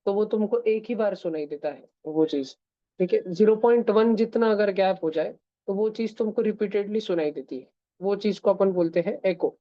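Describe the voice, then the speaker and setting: A woman's voice: medium pitch, normal speed, no room sound, lo-fi sound. A woman teaching physics in a casual classroom style that has in it. She keeps checking that her students are following. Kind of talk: classroom lecture.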